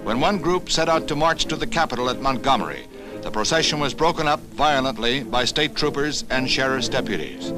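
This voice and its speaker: A man's voice: medium pitch, rough recording. Old newsreel narrator, a man over music. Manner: formal, measured announcer delivery. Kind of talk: scripted 1960s newsreel narration. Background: music score under the narration.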